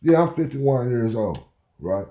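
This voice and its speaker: A podcast host in his fifties from Oklahoma tells a rambling story in casual talk, often asking "you know where I'm coming from." His medium-pitched voice is animated and measured in pace. The recording sounds muffled, in an echoey room.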